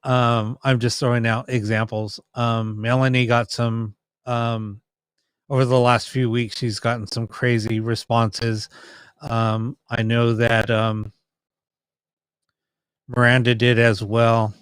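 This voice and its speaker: Medium-pitched and smooth, this man speaks slowly with a flat delivery and no echo. As host of a paranormal ghost box live stream, he rambles informally, chatting and explaining things to his viewers.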